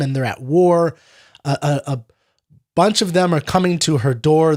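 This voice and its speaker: A man hosting a livestreamed poetry discussion, talking in a loose, digressive way and sometimes acting out other people's thoughts. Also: on the high side. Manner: conversational and digressive, acting out inner voices. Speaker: host of a poetry discussion show. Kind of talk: casual livestream lecture.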